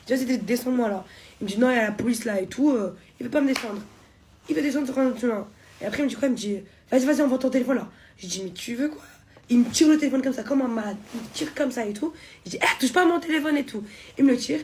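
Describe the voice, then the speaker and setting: A young woman tells a heated story fast and casually, acting out both sides of a quarrel. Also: mid-range voice, darkish tone, a little hiss or hum. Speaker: content creator telling a story.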